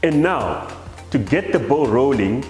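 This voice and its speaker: A man's voice: medium pitch, big pitch swings, unhurried, a little mellow. A man announcing a TV game show with dramatic, punchy scripted narration. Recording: echoey, reverberant hall with music under.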